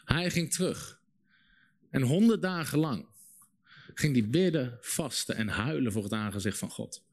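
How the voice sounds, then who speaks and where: A man's voice: medium pitch, lively intonation, a little slow. A young man preaching a sermon, telling a story vividly and repeating phrases for emphasis. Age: young adult.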